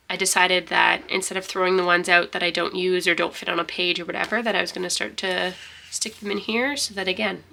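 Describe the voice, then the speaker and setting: In her journal flip-through, the young vlogger chats in a rambling way, restarting often and using many fillers. Her stuffy, congested voice is medium-pitched, creaky, bright, and forceful.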